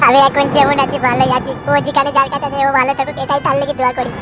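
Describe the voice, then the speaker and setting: Loud music plays behind a performer dubbing a cartoon role: a dramatic, self-pitying young husband who, aggrieved, wails long complaints rich in florid imagery. The voice is high-pitched and natural, racing along with a flat delivery.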